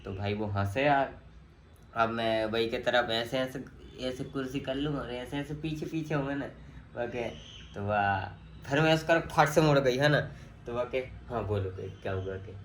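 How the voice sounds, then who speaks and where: A man's voice: mid-range voice, normal speed, a bit bright, slight background noise. A young man vlogging, telling a long story in casual slangy chat and acting out quotes as he goes.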